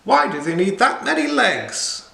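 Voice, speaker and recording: A man's voice: big pitch swings, a little slow, gravelly, bright, forceful tone, roomy sound, full character voice. A man voicing a frightened little girl who screams at a spider in a storybook reading. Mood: terrified. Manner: shrill screaming.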